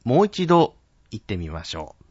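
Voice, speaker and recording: A man's voice: on the low side, very animated, normal speed, darkish tone, husky, dry recording, lo-fi sound. A man leading a pronunciation drill as a teacher, carefully enunciating each syllable one at a time.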